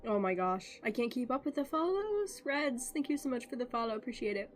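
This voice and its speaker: A woman streaming a game, chatting casually with viewers, excitable and chatty with quick reactions. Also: fairly high pitch. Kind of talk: casual live-stream chat.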